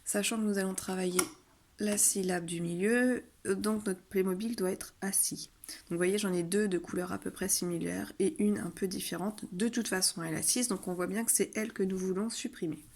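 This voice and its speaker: A woman teacher patiently explaining a phonics exercise to parents, saying example words loudly and slowly. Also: medium pitch, steady tone. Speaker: kindergarten teacher. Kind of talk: home-schooling video lesson for parents.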